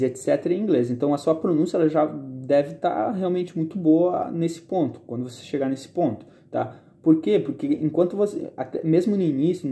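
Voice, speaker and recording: A man's voice: mid-range voice, dark tone. A young man in his twenties from southern Brazil, explaining study tips in a casual vlog and often checking in with his viewers. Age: 20s. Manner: chatty, often checks in with listeners. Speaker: university student sharing study tips.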